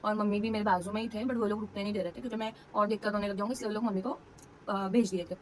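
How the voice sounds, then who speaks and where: In this low-quality recording with a bit of hiss or hum, a young woman vlogger races through an emotional personal story for her camera. Her medium-pitched voice stays fairly even, and her chatty telling is packed with fillers.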